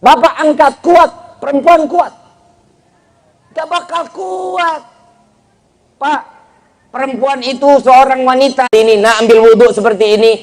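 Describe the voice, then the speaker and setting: A man giving a lively, humorous sermon, speaking directly to the crowd and teasing them. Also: very high voice, measured pace, pauses often. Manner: lively, joking, addresses audience directly with Betawi slang. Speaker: preacher.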